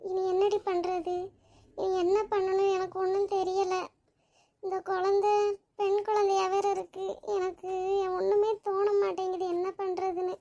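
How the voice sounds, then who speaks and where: A practical, concerned young woman in a cartoon, voiced by a woman, pressing her friend for answers before taking charge. The voice is very high and held in a narrow, level band. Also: measured pace. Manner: pressing questions, then giving calm instructions. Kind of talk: cartoon voice acting.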